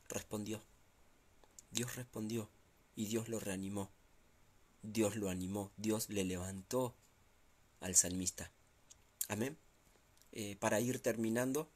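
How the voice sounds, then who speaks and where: A male pastor preaching a sermon in a church, exhorting listeners with repeated urgent phrases and rising emphasis. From Argentina. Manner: exhorting, repetitive urging, rises in pitch when pressing a point.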